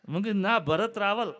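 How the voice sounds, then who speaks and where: A man's voice: high voice, a bit bright. A man doing stand-up jokes at a late-night folk stage show, chatty and acting out both sides of each joke's dialogue. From Gujarat. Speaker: comedian.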